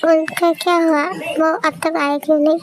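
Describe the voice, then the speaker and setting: A woman with a very high, light voice performs a fan fiction audio drama on her own. She switches between characters with quick, emotional dialogue. A faint hiss sits under her voice. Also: flat delivery. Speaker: fan story narrator.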